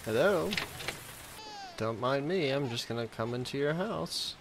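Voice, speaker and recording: A man's voice: mid-range voice, animated, unhurried, background noise. A man giving joking, sarcastic commentary while playing through a video game. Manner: sarcastic, mocking.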